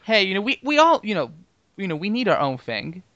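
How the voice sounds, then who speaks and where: A man with a high, bright, very lively voice co-hosts a podcast, animated and jokey and quick to laugh. His voice is smooth and crisp, recorded close and dry. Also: no echo, muffled recording. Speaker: podcast co-host. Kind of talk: casual chat.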